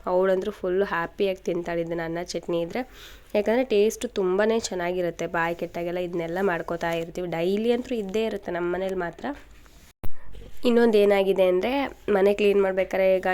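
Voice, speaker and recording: A woman's voice: mid-range voice, steady tone, a little fast, dark tone, clean tone. A woman in her thirties, a vlogger chatting casually to viewers while her voice is changed by a cold. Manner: chatty, talks to viewers directly. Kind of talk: casual home vlog narration.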